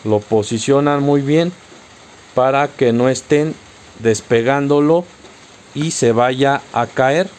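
A man's voice: mid-range voice, slow pace, a little mellow, clean tone. A man with a Mexican accent narrating a step-by-step car accessory tutorial, patiently instructing viewers directly. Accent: Mexican Spanish.

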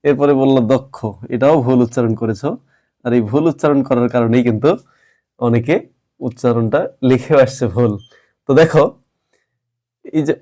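A man teaching a grammar lesson, explaining rules patiently step by step and repeating words slowly. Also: medium pitch, dark tone.

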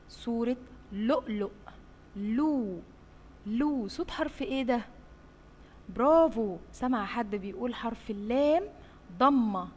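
Slow Egyptian teacher sounding out letters. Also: female voice, a little high, a little mellow. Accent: Egyptian Arabic. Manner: sounds out letters slowly and praises the children often. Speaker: kindergarten Arabic teacher. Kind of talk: slow drawn-out phonics lesson for young children. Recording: roomy with long reverb, faint hiss.

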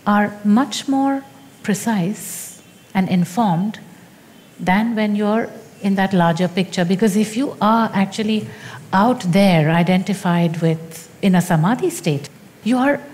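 A woman spiritual teacher speaking in a slow, deliberate and emphatic way in a teaching dialogue. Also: medium pitch, dark tone, big-room sound.

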